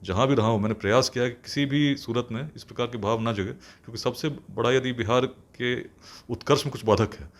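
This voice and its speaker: A man from Bihar, a police officer, answering interview questions in an earnest, formal, speechlike way. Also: on the low side. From India, Bihar.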